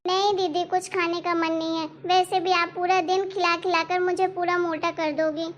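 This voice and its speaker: A woman voicing a gentle young pregnant second wife in a cartoon story, speaking softly and fondly. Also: very high-pitched, flat delivery, normal speed, lo-fi sound. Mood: affectionate. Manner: soft, affectionate.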